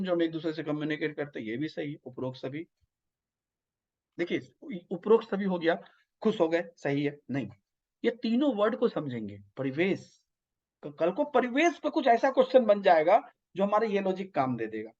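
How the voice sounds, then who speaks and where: A man with an eastern Hindi-belt accent teaching an online exam-prep lecture, explaining with everyday examples and often checking in with his listeners. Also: high-pitched. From north India. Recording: slightly dull lo-fi audio.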